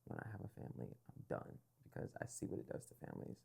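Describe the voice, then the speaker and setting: This is a young podcast host conducting an easygoing interview. He's relaxed and thoughtful, frequently offering quick "yeah"s of affirmation and pausing with fillers.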